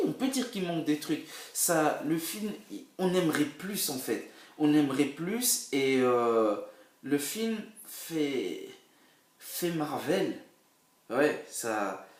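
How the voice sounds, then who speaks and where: A young man reviewing a film casually, rambling with many fillers and bursts of excitement. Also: medium pitch. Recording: roomy echo, a bit far from the mic.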